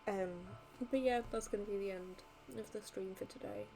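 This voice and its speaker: A woman's voice: medium pitch, normal speed, dark tone, soft background music, rough recording. A tired young woman wrapping up a live stream, rambling casually with many ums and likes. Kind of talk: casual end-of-stream chat.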